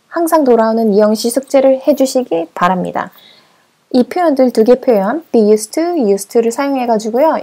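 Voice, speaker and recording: A woman English teacher with a fairly high, mellow and warm voice runs a language lesson built on drills. She gives short prompts and countdowns, repeating every model sentence slowly and clearly.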